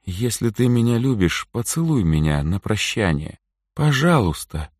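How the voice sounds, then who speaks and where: A dying elf woman, as a male audiobook reader puts her on, speaking slowly and faintly, softer than the narration. Her voice is weak and tender, in a dry, close recording. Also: medium pitch, expressive, no echo, voice pushed up, natural voice. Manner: weak, slow, soft. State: weak, whispering.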